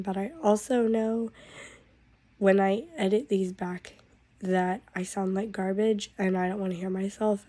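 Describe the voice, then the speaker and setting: Sick lady vlogging, hoarse voice, slow and flat. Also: medium pitch. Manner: drawn-out, weary talk with a cough. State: hoarse from losing her voice; stuffed up with a cold. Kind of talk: casual vlog update.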